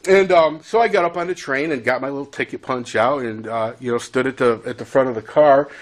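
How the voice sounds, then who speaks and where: A former railroad crewman tells a casual anecdote about his railroad days, rambling and chuckling with conversational asides. His voice is medium-pitched and a little fast.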